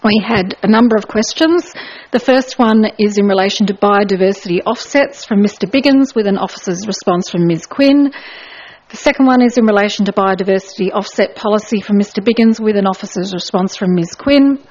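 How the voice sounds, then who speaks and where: A woman, chairing a council meeting as mayor in a brisk, procedural way with light asides. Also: medium pitch, darkish tone. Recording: dull lo-fi meeting recording.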